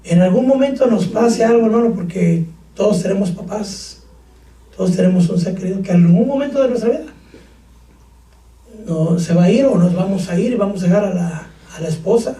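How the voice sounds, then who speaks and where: A man's voice: high voice, a little fast, mellow. A man preaching a sermon as pastor, calling out questions to the congregation and joking between points. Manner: preaching with call-and-response, joking asides. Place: church sanctuary. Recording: echoey church, far from mic.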